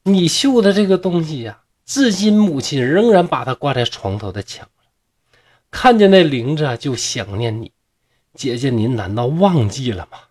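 A man's voice: mid-range voice, big pitch swings, normal speed, a little mellow. A man voicing an earnest little boy who reports events plainly.

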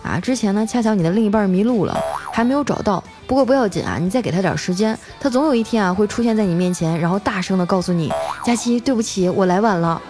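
A woman's voice: medium pitch, racing, hardly any pauses. A young woman tells jokes and funny stories as a radio-style show host. She has a chatty, playful delivery and keeps stretching out her phrases. Faint music plays underneath. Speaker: podcast host. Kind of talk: comic storytelling and listener messages.

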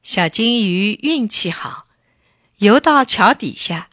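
A woman reads a children's story aloud in a gentle, expressive manner. Her voice is bright and lively in pitch, unhurried, and recorded close and dry. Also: no echo.

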